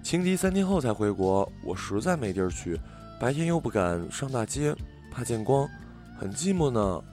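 A man voicing a lovelorn young female ghost in an audiobook story, speaking softly and in a hushed way. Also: medium pitch, big pitch swings, moderate pace, soft background music, natural voice. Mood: coaxing.

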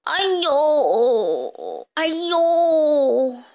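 A woman's voice: sits high, big pitch swings, a little slow, dull audio, exaggerated voice. A woman voicing a sly, greedy male stray pig who fakes being hurt, in a children's storybook. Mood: fake pain.

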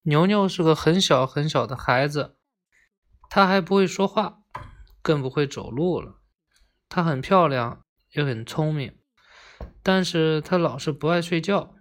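A storyteller reading a bedtime story aloud in a gentle, unhurried way. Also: medium pitch.

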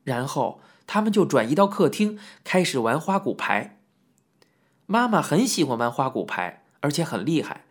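Husky, lively-voiced audiobook narrator. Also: mid-range voice, normal speed. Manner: warm, reminiscing storyteller with asides. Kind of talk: first-person storytelling narration.

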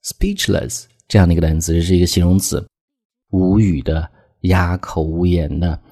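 A man teaching English vocabulary, explaining each phrase patiently and reading example sentences slowly twice. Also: low-pitched, fairly even intonation, warm tone, breathy edge.

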